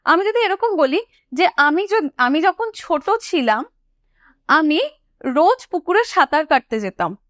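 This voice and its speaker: A woman teaching an English lesson. She explains each point and asks her students questions, then slows down to say each English example sentence clearly. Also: sits high, animated, a bit bright, no echo, clean studio sound. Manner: asks the class questions, then answers them. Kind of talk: classroom explanation.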